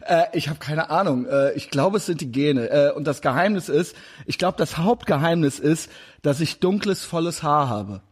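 In a casual video-call interview, a man in his forties chats with a guest, rambling with lots of fillers and restarts. His voice is fairly high, animated and husky, moving at a moderate pace.

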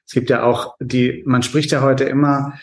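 Guy who grew up in italy, mid pitch, talks politics on a podcast, thinks out loud, lots of restarts. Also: level tone, normal speed. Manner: thoughtful, restarts sentences while searching for words. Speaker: podcast co-host. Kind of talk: casual political chat.

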